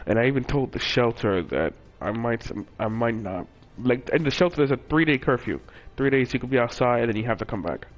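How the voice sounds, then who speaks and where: A young vlogger's mid-range voice has lively intonation, and he speaks briskly with hardly any pauses. His casual personal story rambles along with many fillers, restarts, and self-corrections.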